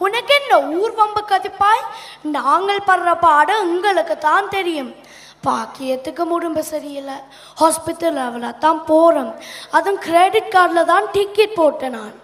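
A quick-tempered, grumbling father from an amateur stage play, acted by a woman. He scolds loudly in a Sri Lankan Tamil accent, and the voice sits very high for a father. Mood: scolding. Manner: loud, scolding.

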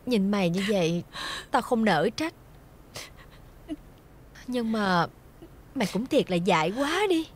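A blunt, kindly senior servant, middle-aged, Southern Vietnamese accent. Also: female voice, medium pitch, animated, takes it slowly, pauses often. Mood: gruff, soothing. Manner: blunt, scolding yet soothing. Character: older woman servant, gruff but kindly, scolding. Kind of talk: TV folk-tale drama acting.

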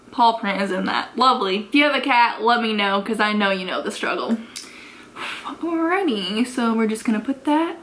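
A woman's voice: a little high, fairly bright tone, a little hiss or hum. An American woman in her twenties chatting casually through a makeup tutorial, giggly drunk, rambling and swearing freely. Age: 20s. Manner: sweary, unfiltered. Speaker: beauty vlogger. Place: carpeted bedroom, indoors.

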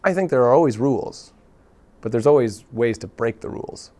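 A man, a local theatre artist, talking earnestly in a TV interview, telling things in an animated way with many restarts. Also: mid-range voice, fairly quick. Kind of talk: casual interview talk. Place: TV studio.

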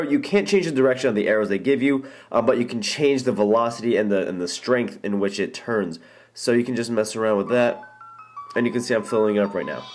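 Young male app reviewer, mid-pitched, chatty and rambling, faint game music under him. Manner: rambling, enthusiastic, many ums and restarts. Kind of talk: casual gameplay walkthrough. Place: indoor room, filming a phone screen.

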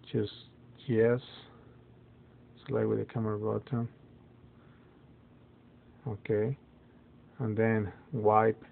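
A man whose first language is Spanish presents a phone tutorial, walking through a reset step by step in a casual how-to. His voice is low and gravelly, his delivery halting, with many fillers, restarts, and non-native phrasing. He films the phone in his hand in a dim indoor room, and the audio sounds tinny and phone-like.

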